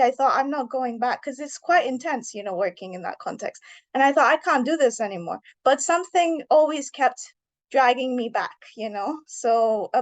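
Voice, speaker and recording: A woman in her thirties who grew up partly in Iran answers an interviewer's questions about her writing. She speaks earnestly, thinking aloud, and her voice sits a little high. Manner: thoughtful, earnest, with fillers. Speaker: author.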